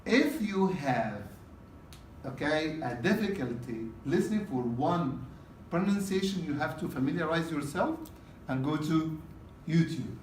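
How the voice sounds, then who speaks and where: Heard from a distance in a roomy, echoing space with faint background noise, a man teaches a class about exam preparation. His slightly high voice has lively intonation and a somewhat slow pace, and he speaks in loose bursts, repeating points and checking in with "okay?"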